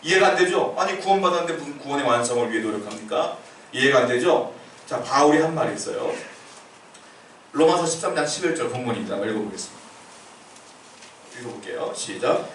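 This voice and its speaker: A man's voice: medium pitch, animated, quick pace, pauses often, a bit bright, slight background noise. A male pastor giving a sermon in a conversational, storytelling manner, recorded in a church sanctuary. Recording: echoey church hall from far off.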